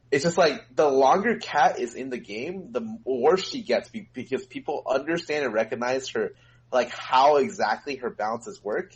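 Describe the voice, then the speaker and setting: A man's voice: mid-range voice, poor audio. A man co-hosting a casual gaming podcast, explaining game mechanics at length with many filler words. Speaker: co-host and streamer.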